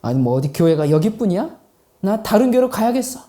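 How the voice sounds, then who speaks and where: A man's voice: high voice, very animated, a little fast, dark tone. A man preaching who mimics a longtime church deacon huffing and complaining about being overlooked. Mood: aggrieved. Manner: huffy complaining, aggrieved.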